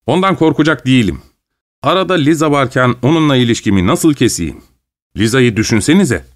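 A man voicing an anxious, hot-tempered middle-aged gentleman who speaks loudly and urgently. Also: medium pitch, lively intonation, brisk, natural voice. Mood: heated.

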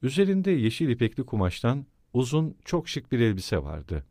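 A man's voice: medium pitch, big pitch swings, normal speed, warm tone, no echo, studio quality. A man voicing a brooding, eerie, absent-minded middle-aged landowner in an audiobook reading, with a musing, rambling delivery.

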